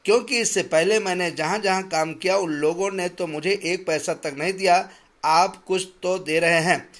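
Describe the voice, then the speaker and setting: A frightened young governess who answers her master in a trembling, halting voice, as a man puts her on while reading a story to a class. She sounds meek and eager to avoid trouble. The reader keeps her close to his own voice, only a touch higher. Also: a bit bright. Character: timid young governess woman, tearful and fearful.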